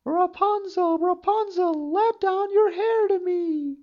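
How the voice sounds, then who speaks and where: A man voicing a wicked old enchantress in a fairytale, shrill and commanding, with imperious drawn-out calls. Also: lo-fi sound.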